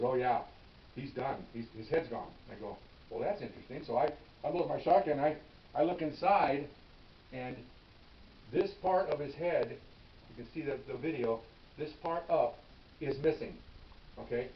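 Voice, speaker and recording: Speaking to camera, a retired officer in his later years animatedly recounts a career story, shouting out the parts where he yelled. His voice is mid-range, and the recording is distant, roomy, and dull with audible hiss.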